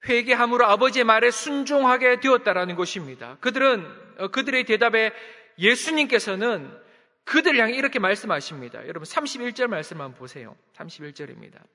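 A man's voice: very high voice, big pitch swings, fast talker, pushed and bright, in a large hall. A man preaching a sermon as a pastor, emphatic, with sudden drops in volume.

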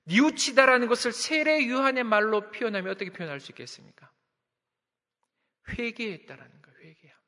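A man's voice: extremely high pitch, brisk, sharp tone, big-room sound. A man preaching a sermon as a pastor, emphatic, with sudden drops in volume.

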